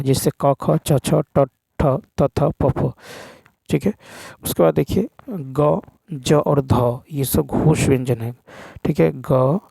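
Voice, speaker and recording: Gravelly-voiced male teacher explaining exam answers. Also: mid-range voice, dark tone, no echo. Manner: explanatory, repeats key points with "ठीक है".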